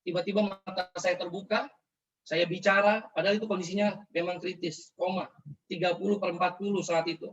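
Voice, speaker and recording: A man's voice: high-pitched, level tone, fairly quick, fairly bright tone. A man preaching an emotional testimony in a fervent, repetitive storytelling manner. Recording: distant mic, dull lo-fi sound.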